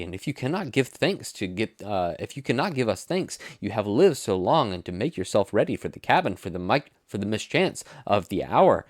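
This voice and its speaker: A man's voice: medium pitch, no room sound, clean studio sound, pitched above the performer's own voice, lightly acted. A man reading the speech of an old, earnest and long-winded royal counselor in a raised, declamatory Shakespeare style. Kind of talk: amateur Shakespeare read-aloud.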